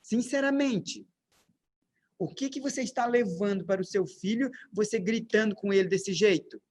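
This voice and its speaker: A man with a high, light voice and a Brazilian Portuguese accent delivers a parenting lecture. He keeps asking the room questions and answers them himself, in the steady, emphatic way of a teacher walking through his slides. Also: normal speed, slight background noise. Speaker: parenting speaker.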